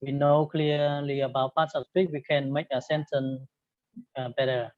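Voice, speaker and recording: A man hosting an online English discussion, speaking haltingly and repeating his phrases. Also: medium pitch, flat delivery, no room sound. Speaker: discussion host. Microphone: online call. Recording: narrow, phone-like online call.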